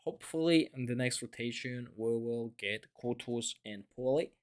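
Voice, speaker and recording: A man's voice: medium pitch, normal speed, darkish tone. Chatty man streaming a game. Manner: chatty, rambling with fillers and self-corrections. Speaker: gaming streamer. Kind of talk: casual live-stream commentary.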